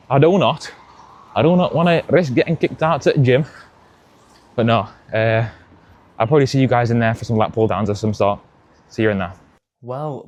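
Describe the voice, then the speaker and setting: A young man fitness vlogger chats casually into a clip-on mic, rambling and often correcting himself; the settings are outdoors by a busy road and an echoey, cold garage gym. His voice is medium-pitched with a darkish tone.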